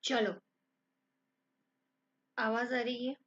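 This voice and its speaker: A woman gives an online math lesson, talking students through each step in an encouraging way. Her voice sits high and she moves slowly. The recording is slightly dull and lo-fi. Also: little pitch movement, a bit bright. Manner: encouraging, addresses students as friends. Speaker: math teacher.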